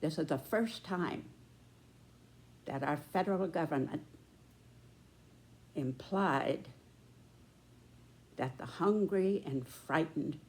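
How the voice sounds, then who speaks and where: Woman in her nineties, American accent, low-pitched, very slow, measured, earnest storytelling. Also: darkish tone, slight background noise. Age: 90s. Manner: deliberate, measured, with pauses between short phrases. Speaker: speaker giving a personal commentary.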